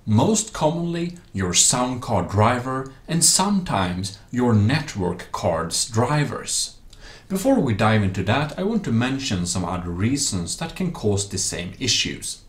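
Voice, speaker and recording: A man narrating a tech tutorial as its host, in slightly awkward non-native English phrasing with some off-the-cuff asides. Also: medium pitch.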